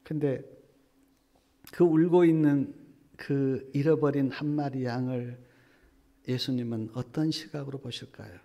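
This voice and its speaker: A middle-aged man preaching a sermon as a pastor at a revival meeting, swinging between loud outcries and hushed near-whispers. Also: mid-range voice, fairly even intonation, a little slow, vocal fry, pauses often. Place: church hall at a revival meeting.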